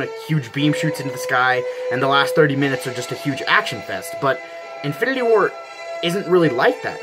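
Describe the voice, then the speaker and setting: A man's voice: mid-range voice, rough recording. A young man casually reviewing a film, gushing with enthusiasm and filling his talk with "like". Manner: gushing, enthusiastic, frequent "like" fillers. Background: background music.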